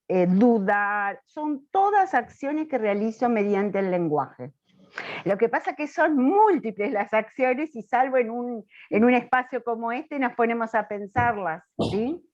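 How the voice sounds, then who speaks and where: A woman teacher giving an online class, slow and questioning, checking often that students follow. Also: on the high side. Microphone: video call. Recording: dull lo-fi video call audio.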